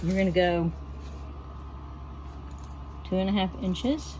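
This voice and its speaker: A woman's voice: on the low side, slow, mellow, a little hiss or hum. A woman giving casual step-by-step sewing instructions, matter-of-fact and practical. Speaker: sewing demonstrator.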